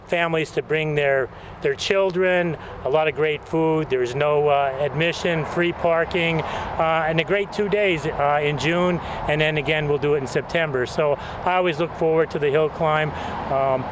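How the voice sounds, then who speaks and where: A man answers casually in an on-location interview. His voice is a bit higher than average. Clear outdoor traffic noise surrounds him. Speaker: interviewee, local official. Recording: noisy outdoor location with vehicles.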